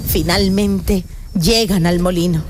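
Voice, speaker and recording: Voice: medium pitch, fairly even intonation, slow pace, big-room sound, heavy background noise. A game master narrating a comic horror role-playing story.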